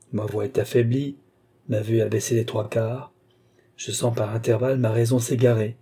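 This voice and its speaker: A frail yet tyrannical old alchemist, voiced by a male audiobook reader speaks in a dark, husky tone. He is scornful and imperious, and his words keep rising into fierce outbursts. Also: medium pitch, lightly acted. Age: older. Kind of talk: audiobook character reading.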